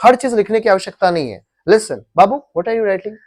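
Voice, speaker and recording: A man's voice: sits high, expressive, moderate pace, a little mellow. A man with an Indian accent teaching English grammar to a class, repeating words and drilling pronunciation in Hindi mixed with English. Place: coaching classroom.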